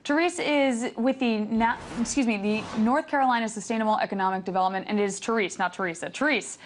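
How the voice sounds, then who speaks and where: Slightly high-voiced woman news anchor. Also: fast talker, slight background noise. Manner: reads the script with small slips and self-corrections.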